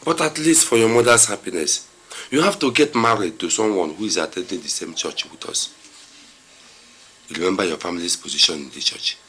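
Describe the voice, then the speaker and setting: An actor with a Nigerian accent playing a stern older church elder, measured and scolding. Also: male voice, low-pitched, husky, exaggerated voice. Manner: measured, calming, then scolding. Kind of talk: film drama acting.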